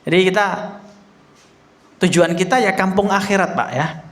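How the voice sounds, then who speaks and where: A man's voice: sits high, normal speed. A young man preaching a casual sermon, telling stories animatedly and acting out the people in them. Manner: animated storytelling, acts out quoted voices, addresses audience as Pak.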